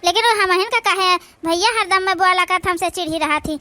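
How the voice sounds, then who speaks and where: A woman voicing a young village sister and sister-in-law in an Awadhi cartoon, speaking with an Awadhi accent in a soft, complaining village way. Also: very high-pitched, fairly quick, no echo. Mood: curious. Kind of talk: cartoon voice acting.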